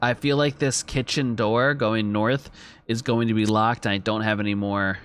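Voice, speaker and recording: This man's voice sits fairly low, with fairly even intonation, normal speed and a slightly bright, clean tone; faint music plays underneath. He's a gaming streamer doing casual let's-play commentary, musing aloud, talking to viewers and reading on-screen text as he plays.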